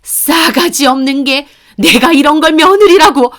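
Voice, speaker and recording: A woman's voice: high-pitched, measured pace, fairly bright tone, pitched above the performer's own voice. A woman voicing a furious, bullying older mother-in-law who screams and scolds. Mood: screaming.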